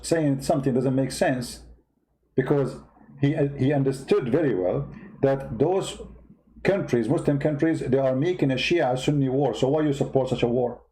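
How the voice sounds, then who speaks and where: Heated and mocking, a male host commentator rattles off rhetorical questions about politics in a foreign accent, English not being his native language. His voice is warm and mid-range, though the audio is poor.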